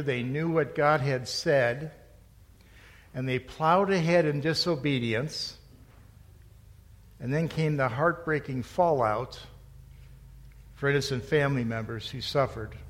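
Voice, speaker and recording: A middle-aged male pastor preaching a sermon in a conversational storytelling way, rising to emphatic points. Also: mid-range voice. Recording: long hall reverb.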